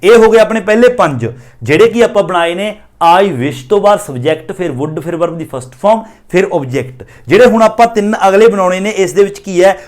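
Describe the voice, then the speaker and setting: A man explaining an English grammar exercise, reading the example sentences slowly and then explaining them. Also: high-pitched, animated.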